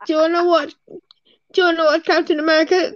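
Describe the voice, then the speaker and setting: A woman co-hosting a podcast in casual chat, excitable and fangirling, swearing freely. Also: very high voice, brisk, no echo, muffled recording. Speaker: podcast co-host.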